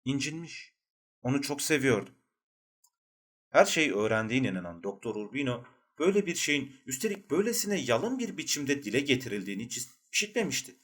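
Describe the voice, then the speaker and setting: A man reads a literary novel aloud in a steady audiobook narration. His voice sits at an ordinary middle pitch for a man, and his delivery stays measured and even.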